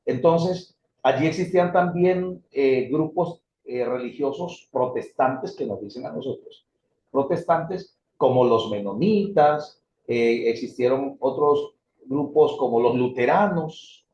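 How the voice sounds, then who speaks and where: A man's voice: mid-range voice, takes it slowly, slight background noise. Spanish-speaking man lecturing in an echoey classroom. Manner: addresses students as brothers, lively rises and drops. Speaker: theology instructor. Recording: echoey room, dull lo-fi sound.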